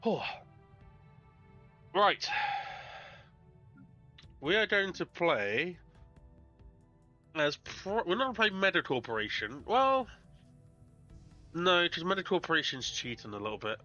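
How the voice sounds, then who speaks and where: British man, bright forceful voice, nose blocked with tissue from a bad cold, casual game streamer, self-deprecating, faint music behind. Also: fairly high pitch, sing-song, takes it slowly, long pauses, muffled recording. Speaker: streamer, host.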